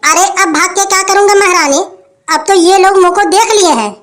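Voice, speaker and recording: A woman's voice: very high-pitched, fairly quick, a bit bright. A woman playing a young village man who is caught stealing power, muttering in a frantic, rambling way.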